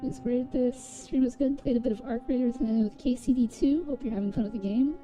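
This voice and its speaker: A woman's voice: fairly high pitch, steady tone, a little fast, warm tone, faint music behind, rough recording. A woman live streamer chatting casually while gaming and reading out viewer comments.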